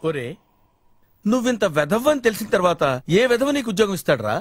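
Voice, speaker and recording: Bossy middle-aged boss, high lively voice, talks quick, music under it. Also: male voice, no echo, clean studio sound. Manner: bossy, throws in stiff broken English. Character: pompous middle-aged boss, grumpy and lovestruck. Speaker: boss and uncle.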